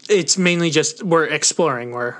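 A young man chatting casually on a podcast, rambling loosely and filling pauses with "like". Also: a little high. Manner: relaxed, rambling with many "like" fillers. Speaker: podcast host.

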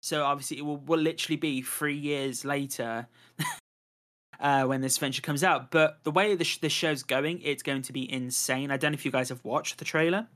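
A man's voice: a little high, moderate pace, a bit bright. A man hosting a casual podcast chat, rambling with lots of fillers and a habit of saying "to be honest". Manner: chatty, many fillers, "to be honest". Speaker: podcast host.

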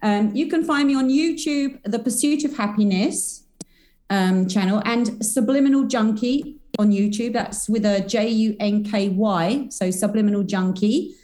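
A woman guest on a podcast, an energy healer, chats casually in a bubbly, rambling way full of spiritual talk. Her mid-range voice is mellow and unhurried.

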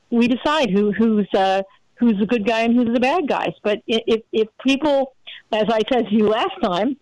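A woman's voice: mid-range voice, no room sound, rough recording. A middle-aged woman hosting a radio talk show, speaking bluntly in a rambling way with lots of fillers. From United States. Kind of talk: casual opinion chat.

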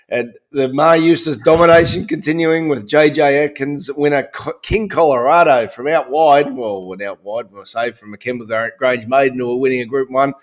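An Australian man with a hoarse, gravelly, rough voice, talking conversationally as host of a horse racing podcast. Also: mid-range voice. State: hoarse from shouting. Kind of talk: sports racing podcast talk.

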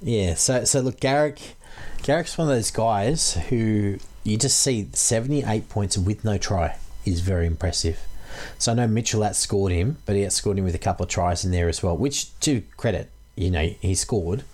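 A man's voice: fairly low pitch, moderate pace, darkish tone. A man co-hosting a casual fantasy sports podcast, giving his analysis in a conversational, tentative way. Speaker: podcast co-host.

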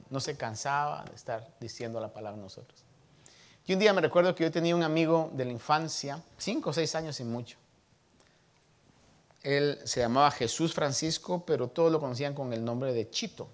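A pastor in his thirties, his voice a little high, delivers a sermon. He recounts stories from his childhood and gives the people he quotes lively voices.

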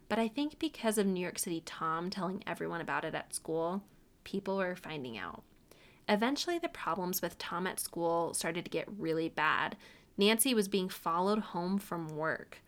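A woman's voice: fairly low pitch, moderate pace. Chatty, playful woman podcast host. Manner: chatty, animated, laughs often, playful asides. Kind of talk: casual chat recapping a documentary.

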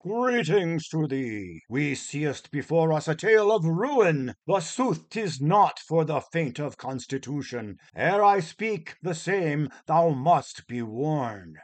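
A man's voice: fairly high pitch, very animated, slow, few pauses, no echo, voice pushed up. A man voicing a pompous old male priest who speaks in mock-archaic English, then drops it for whiny complaining. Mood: grandiose. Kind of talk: comic stage character reading.

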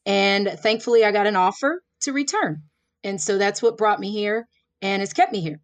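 A woman in her forties from Florida, a former prosecutor, answering interview questions in a measured, earnest way with many fillers. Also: medium pitch, no room sound. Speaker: judicial candidate, former prosecutor.

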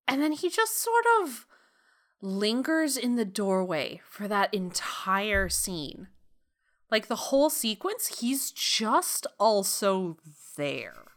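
A woman co-hosting a podcast in casual chat, expressive and quick to laugh. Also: mid-range voice. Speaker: podcast co-host.

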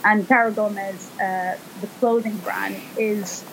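A woman's voice: medium pitch, fairly even intonation, a little slow, vocal fry, a bit bright, a little hiss or hum, rough recording. A woman from El Salvador in her thirties, a fashion designer guest speaking in a thoughtful, hesitant way with many fillers. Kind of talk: casual interview talk.

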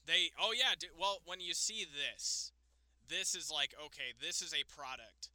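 Bright, excitable man talking wrestling. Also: on the high side, measured pace, dry recording. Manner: excitable, swears freely, says "like" a lot. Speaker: podcast co-host. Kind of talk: casual wrestling review chat.

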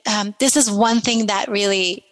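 Woman guest from Iran, mid-pitch voice, animated storyteller, long room reverb. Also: unhurried. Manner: animated storyteller with many fillers and restarts. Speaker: podcast guest. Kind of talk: casual storytelling in conversation.

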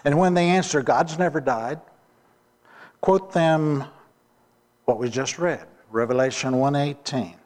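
A man, the pastor, preaching a sermon deliberately and asking the congregation rhetorical questions. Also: fairly high pitch, a little mellow. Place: church sanctuary. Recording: long reverb of a church hall.

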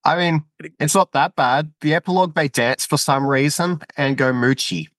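A man's voice: a little high, normal speed, a bit bright, no echo. A man chatting casually as a panellist on a podcast. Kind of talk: casual chat about video games.

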